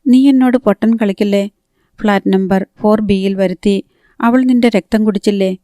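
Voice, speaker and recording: A woman's voice: medium pitch, fairly even intonation, normal speed, dry recording, clean studio sound, lightly acted. A woman reading a curt, jealous young woman. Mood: curt angry. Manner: curt, sharp retorts.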